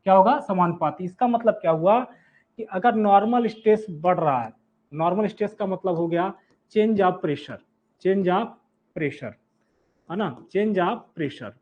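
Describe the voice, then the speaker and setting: A man teaching an engineering exam class, who keeps asking the students questions and answering them himself while repeating key terms. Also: high voice. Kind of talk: classroom lecture. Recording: tinny phone-like sound.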